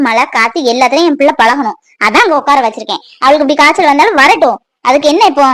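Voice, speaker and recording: A woman's voice: high voice, fairly bright tone, dry recording, low-quality recording. A woman voicing a hurt young cartoon mother who broods aloud in a sorrowful, self-pitying voice. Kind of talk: cartoon voice acting.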